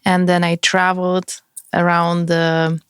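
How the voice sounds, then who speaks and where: A woman's voice: fairly low pitch, monotone, slow, fairly bright tone, clean tone, dry recording, studio quality. Hesitant young woman from kazakhstan. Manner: hesitant, many fillers, non-native phrasing. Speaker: music artist guest. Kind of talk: casual interview chat. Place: recording studio.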